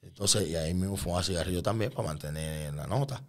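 Low-voiced man telling a street story. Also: fast talker. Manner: animated, mixes in English words, keeps asking if the listener follows. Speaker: interview guest. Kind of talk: conversational storytelling with street slang.

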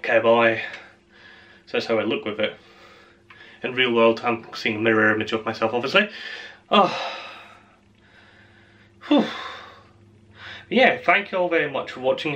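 A man's voice: mid-range voice, bright, forceful tone. A man hosting a casual unboxing vlog, rambling and chatty, often laughing at himself. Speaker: channel host.

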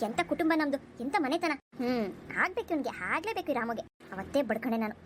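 A woman voicing a haughty middle-aged mother-in-law in a cartoon, sharp and lecturing. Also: high voice, lively intonation, fast talker, a little hiss or hum. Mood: resentful. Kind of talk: cartoon voice acting.

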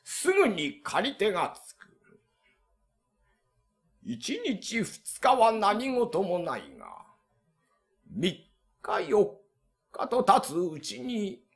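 A man playing a timid tenement dweller who tells a ghost story slowly and in a hushed tone, in rakugo comic storytelling. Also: high-pitched, huge pitch swings, creaky, exaggerated voice. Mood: hushed spooky. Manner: drawn-out, hushed spooky delivery.

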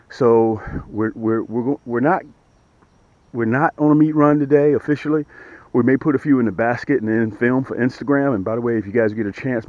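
Talking directly to his audience, a fishing channel host gets excitable and repetitive on his casual vlog, often lowering to a hushed voice while on the water. He's in a small boat on a lake during early morning rain, speaking at medium pitch with no room sound. The boat-mounted action camera yields dull, lo-fi audio with faint outdoor noise.

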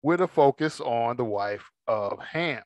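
Measured man teaching scripture, dry sound. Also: mid-range voice, expressive, no echo. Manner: measured, reads verses slowly then explains. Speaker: Bible study teacher. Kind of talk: scripture study talk, reading aloud.

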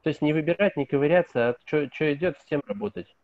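A man's voice: on the high side, quick pace. A man hosting a club meeting, asking brief, attentive interview questions over a video call. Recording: dry phone-like call audio.

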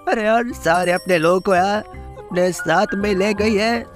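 A man's voice: sits high, measured pace, soft background music. A man hosting a gaming video, talking in a jittery, dramatic, chatty way to his viewers. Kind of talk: playful gaming commentary in character.

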